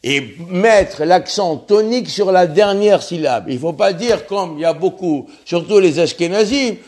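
A man giving a religious lesson on prayer, impassioned, repeating himself and slowly sounding out Hebrew syllables. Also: high voice, expressive, a little mellow. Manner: impassioned, repeats himself, stumbles and restarts words. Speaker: rabbi teaching on prayer.

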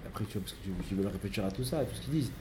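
A man's voice: lowish voice, rapid-fire, background noise. A man teaching a Torah study lesson, explaining step by step and mixing in many Hebrew terms.

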